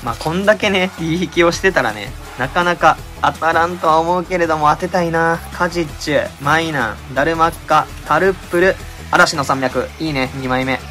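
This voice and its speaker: A man with a Kansai accent chatting casually as he opens card packs, reading out each card and crying out in excitement at good pulls. His voice has been a little out of shape lately. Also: fairly high pitch, brisk, faint music behind. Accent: Kansai Japanese. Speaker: channel host. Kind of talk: casual card-pack opening commentary.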